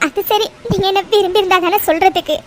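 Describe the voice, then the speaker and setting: A woman's voice: very high-pitched, steady tone, very noisy. A woman voicing a heartbroken young woman in a cartoon drama, tearful and pleading, stumbling over her words. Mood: hurt. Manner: pleading, halting with repeated words. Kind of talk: dubbed cartoon family drama.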